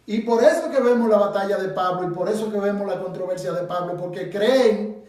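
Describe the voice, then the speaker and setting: Brisk and high, with a darkish tone, a Dominican man's voice echoes from a distance through the room. He is a Bible teacher leading an interactive study in Dominican-accented Spanish, firing questions at his group and making his points emphatically.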